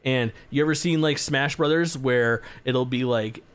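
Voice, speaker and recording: Unhurried and clear, his mid-range voice has a resonant tone. He's a laid-back twenty-something co-hosting a gaming podcast, swearing plenty and laughing easily in casual conversation.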